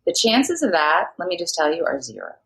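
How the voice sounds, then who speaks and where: A woman guest on a podcast, telling a personal story in a lively, anecdotal way and laughing often. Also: lowish voice, brisk, gravelly, rough recording. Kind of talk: storytelling in conversation.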